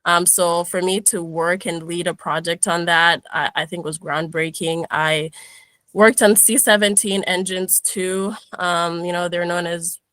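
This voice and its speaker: A woman's voice: fairly low pitch, steady tone, measured pace, a bit bright, dry recording. Upbeat young woman presenting over video call. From Kenya. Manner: upbeat, with frequent "um"s and restarts. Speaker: guest speaker. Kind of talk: webinar presentation.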